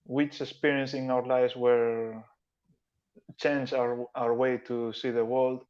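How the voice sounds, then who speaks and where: A man from Spain presenting to an online conference over a video call, in a mid-range voice. He speaks in a with halting, phrasing. The audio is dull and lo-fi. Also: mid-range voice, flat delivery, darkish tone. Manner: halting, non-native phrasing. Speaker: guest speaker, biologist.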